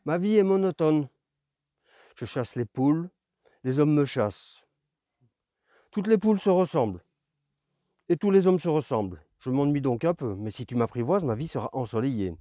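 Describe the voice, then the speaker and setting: A man's voice: on the high side, animated, mellow, dry recording, close to an everyday voice. A man voicing a lonely, patient fox who talks earnestly and pleads for friendship. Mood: wistful. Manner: earnest, pleading, explains slowly.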